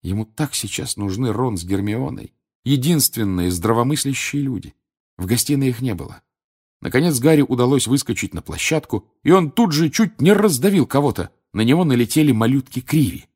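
A man narrating an audiobook, expressive, with dramatic pauses. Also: mid-range voice, slightly rough. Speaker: audiobook reader.

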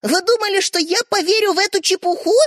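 A scornful, bossy girl, the older sister, pitched high and swinging widely as she mocks and scolds, voiced by a woman reading a storybook. The sound is close and dry. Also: sing-song, moderate pace, fairly bright tone, dry recording. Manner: mocking, scolding. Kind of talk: audiobook character reading.

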